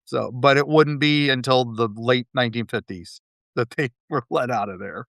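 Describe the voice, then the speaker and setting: A man's voice: medium pitch, normal speed, vocal fry, a bit bright, dry recording, studio quality. Chatty man hosting a history podcast. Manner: rambling, laughs often, fillers. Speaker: podcast host. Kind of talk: casual history chat.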